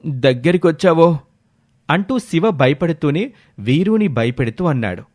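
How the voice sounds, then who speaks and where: Expressive male storybook narrator. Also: fairly high pitch, normal speed. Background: faint background music.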